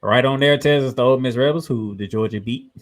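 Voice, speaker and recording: Male American sports co-host, mid-range voice, animated delivery for college football matchup previews. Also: mid-range voice, fast.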